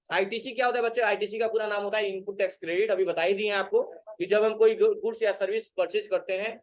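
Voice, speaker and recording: High-voiced man teaching a class. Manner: asks students questions and answers them himself. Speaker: computer teacher. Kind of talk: classroom lecture.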